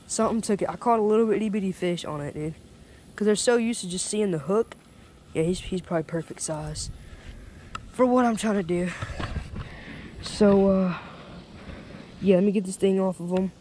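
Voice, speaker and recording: A man's voice: high voice, moderate pace, long pauses, mellow. A young man casually narrating a fishing vlog by a pond, chatty and laid-back, often saying dude and bro. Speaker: fishing vlogger. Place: outdoors by a small pond. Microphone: head-mounted action camera. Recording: outdoor camera mic with wind and ambient noise.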